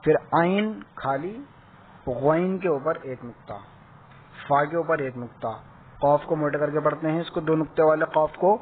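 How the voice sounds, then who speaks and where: A man teaching beginners to read Quranic letters, slow and patient, repeating each sound and checking that learners follow. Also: a little high, fairly even intonation. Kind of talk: slow step-by-step lesson. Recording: tinny phone-like audio with faint hiss.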